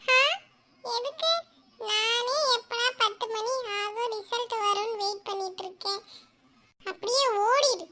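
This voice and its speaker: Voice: extremely high pitch, a little slow, sharp tone, exaggerated voice. A voice actor playing a cartoon schoolboy who frets about his exam results, with worried muttering asides. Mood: panicky. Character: anxious schoolboy fretting over exam results. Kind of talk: cartoon voice acting.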